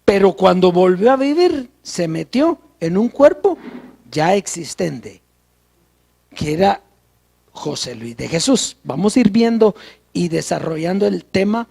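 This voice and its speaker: A preacher teaching a sermon in a slow, deliberate way and posing rhetorical questions to the congregation. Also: medium pitch, sing-song, vocal fry, mellow.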